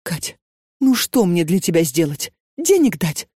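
A woman's voice: fairly low pitch, big pitch swings, measured pace, mellow, breathy edge, no room sound, studio quality, exaggerated voice. A woman reading an audiobook and voicing a distraught young woman who pleads frantically and breathlessly. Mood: tearful.

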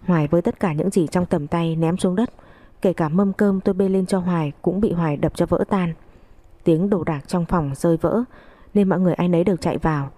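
A woman narrating a family drama in the first person, in a steady, remorseful tone. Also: lowish voice, fairly quick.

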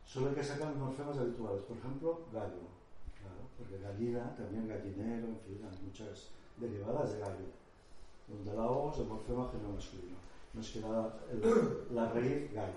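A man's voice: lowish voice, normal speed, dark tone. Man lecturing in an echoey hall. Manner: conversational, explains with examples, thinks aloud. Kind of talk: conference talk with audience questions. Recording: echoey hall, distant mic, faint noise.

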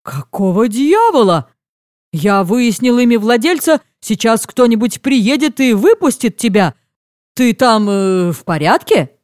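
A woman voicing a baffled, practical young man, speaking lower and clipped. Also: sing-song, unhurried, darkish tone, no echo, studio quality.

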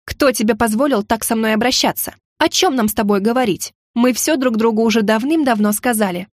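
A woman's voice: a little high, brisk, no room sound, studio quality, close to an everyday voice. A woman voicing a stubborn, hot-tempered young heroine who talks indignantly and shrilly.

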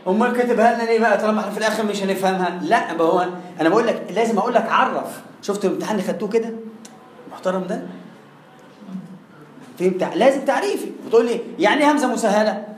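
Egyptian guy lecturing on tajweed, high voice, quick, echoey room with a bit of hiss. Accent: Egyptian Arabic. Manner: lively, addresses the listener directly, demonstrates sounds. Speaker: Quran recitation teacher. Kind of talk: classroom lecture.

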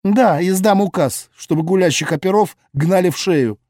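A scornful young woman with a biting, venomous tongue, put on by a man reading a story. The voice sits noticeably higher and pushier than his plain narration, recorded dry and close. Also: normal speed, a little mellow, dry recording. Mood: sarcastic. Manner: mocking, venomous, indignant.

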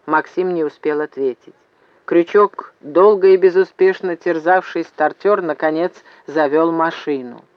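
A man's voice: a little high, measured pace, no room sound. Male audiobook narrator, dry muffled sound. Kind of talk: scripted narration. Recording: slightly muffled dry recording.

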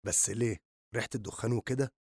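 A man voicing a joking teenage boy who smokes, with an Egyptian accent, speaking low and quietly in an audiobook reading. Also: fast, slightly rough, dry recording, clean studio sound. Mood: gentle teasing. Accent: Egyptian Arabic.

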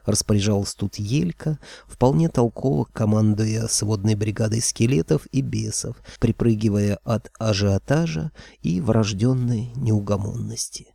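A man's voice: fairly low pitch, unhurried, gravelly, hardly any pauses, mellow, no echo. A man narrating a first-person fantasy audiobook in a wry, conversational way.

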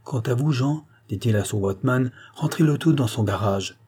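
Male narrator as a middle-aged doctor, authoritative and brisk, warm husky voice. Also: mid-range voice, natural voice. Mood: commanding. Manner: brisk, commanding.

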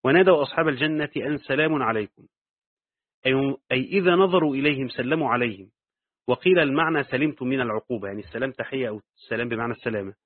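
A man with an Egyptian accent teaching Quran commentary. He reads the text aloud and then adds quick asides in colloquial dialect. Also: mid-range voice, no echo. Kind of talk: reading and explaining a tafsir text. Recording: dry, phone-like narrow sound.

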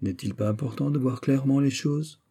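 Casting: male reader doing a sneering young courtier with a dark, husky voice, mocking then exasperated. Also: medium pitch, a little fast, pitched above the performer's own voice. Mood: insinuating.

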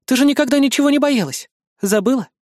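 A gentle, reassuring young woman who teases softly, played by a man reading an audiobook. The recording is close and dry. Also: very high-pitched, fast talker, dry recording, pitched above the performer's own voice. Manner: gentle, teasing.

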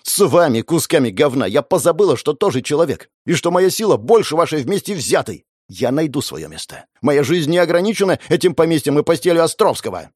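A man's voice: medium pitch, big pitch swings, unhurried, hardly any pauses, dry recording, studio quality, voice pushed up. A man voicing a furious, swearing young woman. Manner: shouting, swearing, defiant. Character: furious young woman breaking free of family.

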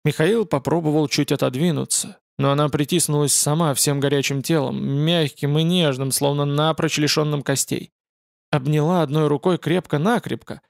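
A man narrating a science-fiction audiobook in an even, measured storytelling voice. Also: fairly high pitch, vocal fry, dry recording, clean studio sound. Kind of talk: scripted narration.

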